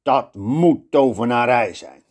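A bitter, jealous grand vizier broods slowly over his grievances, played by a man. His voice sits at an ordinary male pitch. It is a spoken storybook tale. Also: expressive, darkish tone, husky. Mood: resentful. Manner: slow, brooding and resentful.

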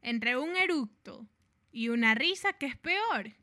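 A woman's voice: high-pitched, lively intonation, unhurried, pushed and bright. A young woman co-hosting a casual chat, teasing and joking in playful banter with her friend. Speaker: co-host.

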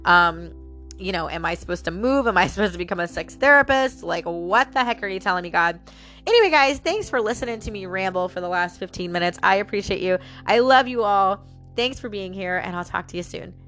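Faint music plays behind a woman talking a little fast in a medium-pitched, somewhat bright voice, slightly nasal from a stuffy nose. Hosting her personal talk show, she rambles chattily, muses aloud and addresses listeners as "guys."

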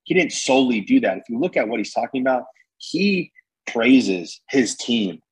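A young man talking fast and energetically in a podcast conversation, rambling with lots of fillers and slang. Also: mid-range voice, big pitch swings, husky, low-quality recording. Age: young adult. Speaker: guest entrepreneur.

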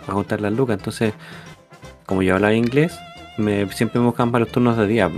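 A man's voice: lowish voice, steady tone, fast talker, soft background music. A man with a Chilean accent telling jokes and stories in a casual podcast chat. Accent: Chilean Spanish. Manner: joking storyteller, playful voices in quotes. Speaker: podcast host.

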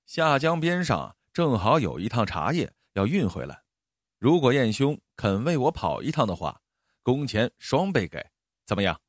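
A man's voice: medium pitch, big pitch swings, moderate pace, no echo, studio quality. A man voicing a proud middle-aged tea merchant who talks curtly, then turns apologetic and wheedling. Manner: curt, later wheedling apologetic.

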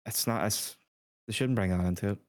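A man's voice: on the low side, a little fast, no room sound, studio quality. A man co-hosting a gaming podcast, laid-back and tired-sounding, mostly giving short replies. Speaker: podcast co-host. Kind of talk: casual gaming chat.

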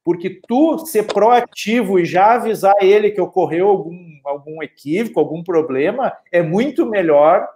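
A man with a fairly high voice talks casually about online selling. He tells client stories and acts out their lines, tagging many sentences with a questioning "né". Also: animated, normal speed, hardly any pauses, darkish tone. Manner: storytelling with acted quotes, frequent "né". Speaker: e-commerce consultant. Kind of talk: casual chat.

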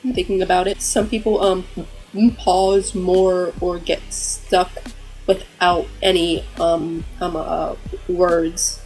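Slow-talking woman with a heavy stutter. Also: fairly low pitch, flat delivery, a little mellow, faint music behind, poor audio. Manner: stutters heavily with repetitions and blocks. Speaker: interview guest, author. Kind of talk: casual interview conversation.

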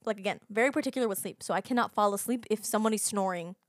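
A woman's voice: medium pitch, rapid-fire, dry recording, clean studio sound. A woman in her twenties co-hosting a podcast, chatting casually, laughing often and filling her talk with "like". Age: 20s. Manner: giggly, animated, lots of fillers. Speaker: podcast co-host. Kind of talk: casual chat.

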